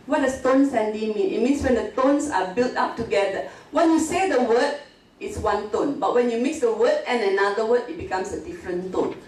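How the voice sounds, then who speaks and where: In a university multimedia classroom, a Malaysian woman gives an interactive lecture, constantly checking in with her audience through tag questions such as "right?" and "okay?". Her voice is fairly high and slightly mellow, captured from afar in an echoey room with faint hiss.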